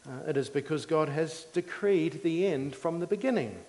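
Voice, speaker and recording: A man preaching a teaching sermon in a measured, didactic way, explaining things simply in short phrases. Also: fairly high pitch, darkish tone. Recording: long hall reverb.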